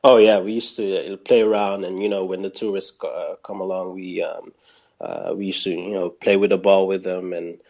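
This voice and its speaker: Gravelly low-voiced Aruban man. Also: steady tone, moderate pace, a little mellow. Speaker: podcast guest. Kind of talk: casual interview chat.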